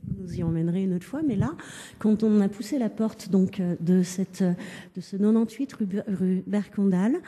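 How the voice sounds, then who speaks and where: A woman radio reporter with a husky voice, guiding an on-location interview in an echoey hallway. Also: mid-range voice, moderate pace, dark tone. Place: echoing indoor hall of a townhouse. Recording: echoey, resonant entrance hallway.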